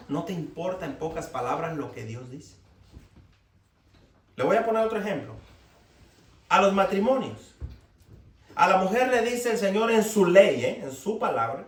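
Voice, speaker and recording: A man preaching a sermon, firing rhetorical questions at the congregation. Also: high-pitched. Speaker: pastor. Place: church hall. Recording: echoey room, mic far off, faint noise.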